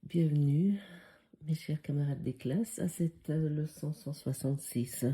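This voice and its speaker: A low-voiced woman with a foreign accent carrying a Swiss tinge gives a reflective spiritual lesson. She speaks slowly and hesitantly, filling pauses as she muses. Her tone is very dark and mellow. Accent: foreign French accent with Swiss tinge. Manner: hesitant, many fillers, musing. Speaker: spiritual course teacher.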